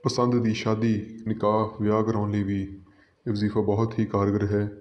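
A man, hosting a channel and calmly giving step-by-step religious instructions to his viewers. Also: lowish voice, moderate pace, highs cut off. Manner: calm, repetitive, addresses listeners as friends.

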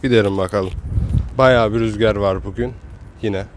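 A man's voice: on the low side, fairly even intonation, moderate pace, poor audio. A man making a casual walking travel vlog outdoors in a windy seaside city, chatty and slangy, exclaiming at the sights. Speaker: travel vlogger.

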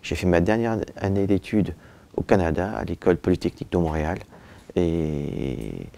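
A deep, gravelly, mellow voice, expressive and at normal speed, belongs to a man in his forties who was born in Turkey and raised in France. Answering interview questions via lapel mic in an office with bookshelves, he hedges with "euh" and "je dirais," then pushes his points firmly.

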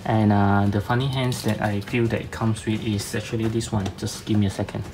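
A man casually reviewing toys in halting, hesitant speech, slightly slurred by a mouth numb from dental work. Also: fairly low pitch, flat delivery, background noise. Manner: halting, hesitant, many long filled pauses. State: half of face numb after tooth operation. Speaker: toy reviewer. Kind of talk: casual unscripted review narration.

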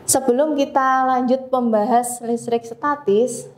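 Lady teacher going over a physics lesson, kinda high voice, lots of "eh" and pauses. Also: fairly even intonation. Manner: measured explaining with frequent fillers. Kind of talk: classroom lecture.

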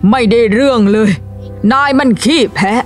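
A woman's voice: on the high side, normal speed, faint music behind, close to an everyday voice. An actress playing a scheming woman who mocks and belittles a man, in a dubbed drama. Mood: contemptuous. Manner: taunting, contemptuous. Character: scheming woman, contemptuous accomplice.

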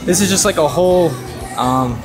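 A young man with a high-pitched voice chats upbeat at a moderate pace for his travel vlog aboard a cruise ship. He's filmed on a handheld camera, and background music plays over his voice.

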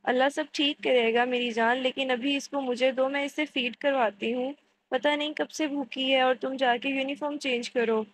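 A woman reading the lines of a gentle, timid, loving mother, soft and hesitant, in a storybook reading. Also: high-pitched, fairly even intonation, a little hiss or hum, lightly acted, low-quality recording. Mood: tender.

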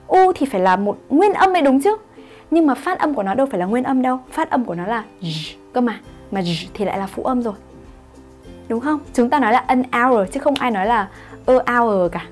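Talking fast and animatedly, this English teacher has a higher, slightly mellow voice with faint music behind it. She explains grammar patiently online and keeps asking "right?" to make sure students understand.

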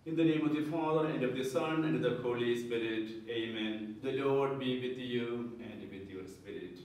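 A man leading Mass as a priest, reciting the liturgy in a measured, solemn way, with heavy cathedral-like church echo. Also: mid-range voice, darkish tone. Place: large church. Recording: very echoey church, mic far off.

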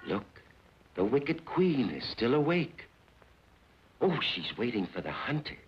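A man's voice: mid-range voice, very animated, slow, slight background noise. A man playing the suspenseful storyteller, reading scripted storybook narration for an old children's film. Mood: storytelling, suspenseful. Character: suspenseful male fairy-tale storyteller. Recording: dull old film soundtrack.

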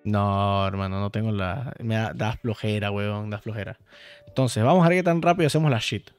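A man's voice: on the low side, moderate pace, clear, resonant tone, no echo. Playful, profane male game streamer. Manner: profane, playful, talks to chat directly. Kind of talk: casual live-stream chat while playing. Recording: dry sound, faint background music.

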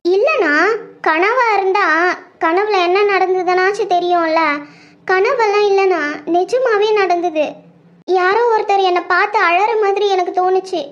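Woman voicing a scared young girl, high and timid. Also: a little slow, highs cut off. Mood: insistent. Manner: hesitant, pleading. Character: timid teenage girl, anxious younger sister. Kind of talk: web-series horror drama acting.

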